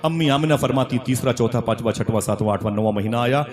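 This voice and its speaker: A man's voice: medium pitch, fast. A man delivering a devotional sermon, acting out the figures in his story and calling on the audience to respond. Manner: acts out quoted figures, calls the crowd to respond. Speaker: Islamic preacher. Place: large gathering with audience. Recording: loud crowd behind the voice.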